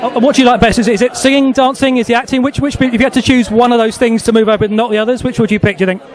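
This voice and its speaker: A man's voice: extremely high pitch, steady tone, very fast, a faint crowd. A British man asking casual questions as an interviewer.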